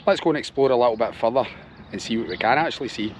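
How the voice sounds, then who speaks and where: A man's voice: mid-range voice, expressive, fast. A man chatting casually through a travel vlog outdoors, self-deprecating and a little out of breath. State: slightly out of breath. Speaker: cycling vlogger. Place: outdoors, on a ferry and cycling roads. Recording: outdoor wind noise on the mic.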